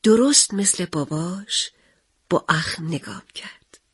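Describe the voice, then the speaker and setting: A woman narrating a first-person story as a mother, expressive and confiding with her listeners. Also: fairly low pitch, husky, no echo, studio quality.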